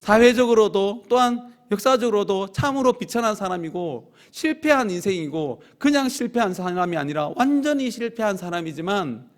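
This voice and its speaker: A man preaching at a midweek prayer service in a church, swinging between loud emphatic peaks and soft low asides, and leading the congregation in call-outs. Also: animated, normal speed, hardly any pauses. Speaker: pastor. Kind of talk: sermon. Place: church sanctuary.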